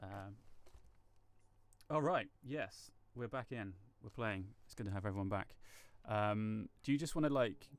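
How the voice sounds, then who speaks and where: A man hosting a tabletop game stream as game master, relaxed and laughing often. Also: on the low side, unhurried, no room sound.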